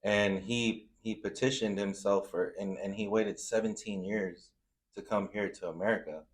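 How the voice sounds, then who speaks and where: A Zambian man who moved to the US and now owns a food truck tells personal anecdotes as a guest in a casual interview. His voice is fairly low with fairly even intonation at a moderate pace. He talks informally and slangily, saying "you know" often.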